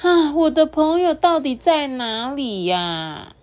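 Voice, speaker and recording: A woman voicing a lonely little red button in a children's story, high and childlike. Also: sing-song, slow pace, exaggerated voice. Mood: eager.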